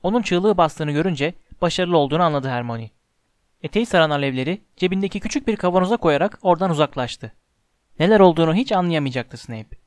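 A man narrating a storybook aloud in a steady, measured reading voice, close to the mic. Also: fairly high pitch, no echo. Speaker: audiobook narrator.

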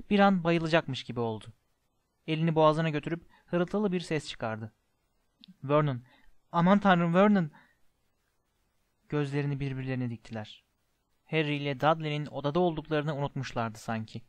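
A man narrating a story in a measured, expressive reading. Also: fairly high pitch, no echo. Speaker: audiobook narrator.

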